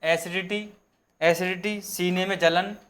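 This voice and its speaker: Young male tutor, fairly high voice, slow repetitive dictation of lesson points. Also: fairly even intonation, a bit bright. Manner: repetitive, dictating terms slowly for notes. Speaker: teacher. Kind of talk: exam-prep lesson.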